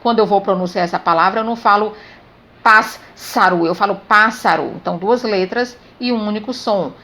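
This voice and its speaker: Teaching grammar slowly and with care, this Brazilian Portuguese-accented woman breaks sounds down letter by letter. Her pitch is medium and her tone fairly bright.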